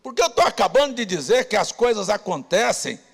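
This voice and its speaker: A man preaching a sermon as pastor, rousing the congregation with shouted calls. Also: high voice, sing-song, a little fast, creaky, breathy edge. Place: church hall. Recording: long church reverb.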